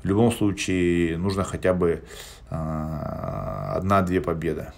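A man in his forties chats bluntly on a live stream from a small indoor room, fielding viewer questions with lots of hesitation sounds. His voice is low and creaky, and he speaks at a measured pace. He's recorded on a phone held at arm's length.

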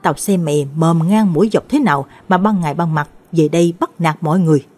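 A woman voicing a gruff, alarmed middle-aged village man describing a ghostly attack. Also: low voice, fast, a little mellow. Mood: urgent.

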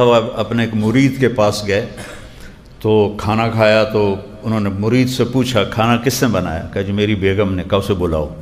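A man preaching a religious sermon, telling stories and slowing down to recite quotations in short repeated phrases. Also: lowish voice. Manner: storytelling, slows down to recite quotations. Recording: long hall reverb.

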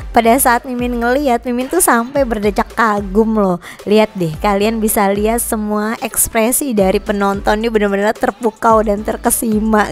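Chatty woman travel vlogger. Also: medium pitch. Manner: chatty, addresses viewers as guys. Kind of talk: travel vlog voice-over narration.

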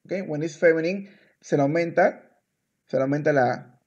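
A man's voice: fairly high pitch, normal speed, a little mellow, lo-fi sound. A man teaching Spanish one-on-one. He talks patiently, repeats words, and switches to English to explain. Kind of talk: one-on-one language lesson.

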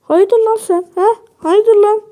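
A woman hosting a gaming video, giving excited gameplay commentary with loud taunts and rough slang. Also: very high voice, slow pace.

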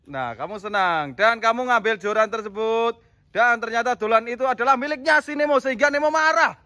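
A man's voice: very high voice, fairly quick, bright, forceful tone. A man, narrating a comedy skit and directing his team, often laughing as he talks. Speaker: director of an acting challenge.

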